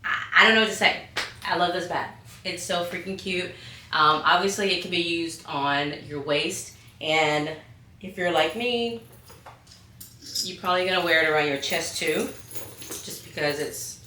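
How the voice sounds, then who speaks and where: A bubbly woman hosts a casual craft vlog in a hoarse voice with a smoker's rasp. Her pitch sits a little low. The room adds noticeable echo, with faint noise underneath. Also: bright, forceful tone. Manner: bubbly, gushing. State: hoarse from being sick. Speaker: host of bag-sewing tutorials. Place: small indoor craft studio. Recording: roomy echo, background hiss.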